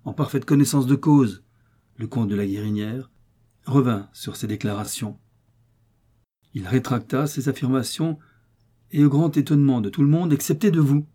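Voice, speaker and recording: A man's voice: mid-range voice, mellow, natural voice. A man reading an audiobook voices a grieving young man who insistently presses an older lawyer.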